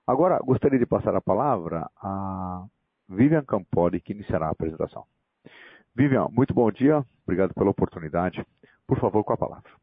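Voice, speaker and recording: Over a thin, dry phone line, a Brazilian man speaks in a polite customer service voice. He sounds formal and scripted, like a call moderator, with a slightly husky tone. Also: deep voice, animated, a little fast, dry recording. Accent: Brazilian Portuguese. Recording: muffled, narrow phone line.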